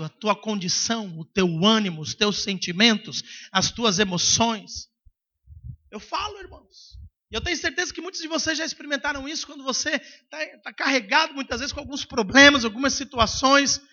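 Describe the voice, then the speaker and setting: A male pastor delivering a sermon with a very high, sharp, bright voice. He preaches emphatically and sometimes bursts into shouting. The recording sounds dull and lo-fi.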